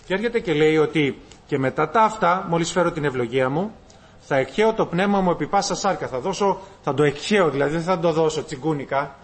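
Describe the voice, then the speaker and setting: High-voiced preacher, animated. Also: male voice. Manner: animated preaching, addresses listeners as brothers, swings between loud and soft. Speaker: pastor. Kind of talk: sermon.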